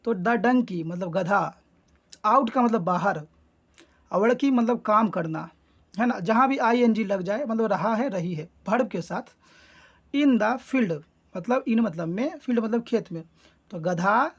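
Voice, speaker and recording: A woman gives an English lesson in Hindi at an unhurried, deliberate pace. She reads each English line carefully, then breaks it down word by word. Her voice sits in an ordinary middle register and keeps checking in with her listeners. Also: mid-range voice, lo-fi sound. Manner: keeps checking in with "है ना" between explanations; reads English lines slowly and clearly, then glosses them. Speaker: English teacher.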